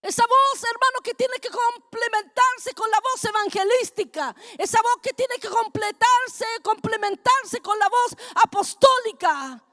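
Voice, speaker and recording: A middle-aged woman, preaching a fervent sermon that builds to shouting. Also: very high voice, unhurried, hardly any pauses. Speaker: apostle preaching at a congress.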